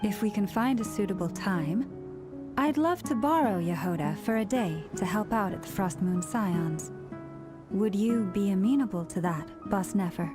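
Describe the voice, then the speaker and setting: An actress playing a polite, curious young woman companion in a video game, speaking in a measured, inquisitive way. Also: medium pitch, close to an everyday voice. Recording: music behind the voice.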